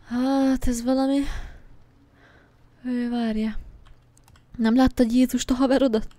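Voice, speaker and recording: A woman's voice: on the high side, flat delivery, mellow, no room sound. A woman giving jumpy, casual commentary while playing a horror game, talking to objects on screen and swearing now and then. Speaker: gaming channel host.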